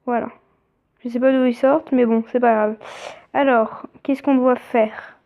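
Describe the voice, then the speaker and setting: A young woman chatting casually as she plays a mobile game, reading its text aloud and thinking out loud. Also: on the high side, steady tone, unhurried. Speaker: let's play gamer. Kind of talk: casual gameplay commentary. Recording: tinny phone-like sound.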